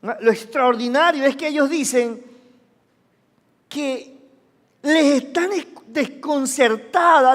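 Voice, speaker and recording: A male pastor preaching a sermon, questioning the congregation, having them repeat phrases, and acting out sounds with sudden exclamations. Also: very high voice. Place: church. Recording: long reverb of a church hall.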